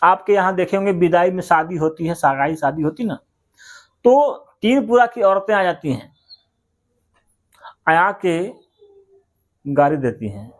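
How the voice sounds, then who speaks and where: A man's voice: sits high, lively intonation, a little slow, long pauses. A man teaching memory tricks for a general-knowledge exam, chatty, asking questions and answering them himself. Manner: chatty, repeats words, asks and answers himself. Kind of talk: mnemonic exam-prep lesson.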